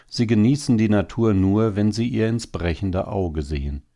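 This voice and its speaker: Bitter in mood, a male hare from a sober storybook tale speaks through a man's reading, low, deep, and calm. He consoles with a dark, mellow voice near his everyday register and at normal speed, though wry gloom and quiet bitterness color what he says.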